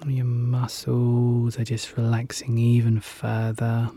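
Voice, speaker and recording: A relaxation guide leading a guided hypnosis session in a soft, soothing whisper, repeating gentle calming phrases. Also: mid-range voice, slow pace, slightly rough.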